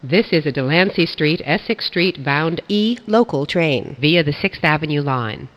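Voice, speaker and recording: A woman reading scripted automated subway announcements in a formal, measured way. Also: low-pitched, expressive. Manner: formal, measured delivery of stop and line information. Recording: dull, band-limited announcement audio.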